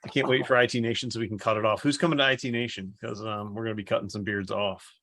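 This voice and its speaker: A man's voice: on the low side, fairly even intonation, fast, sharp tone. A man hosting a livestream with casual, rambling, joking banter. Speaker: livestream host, company co-founder.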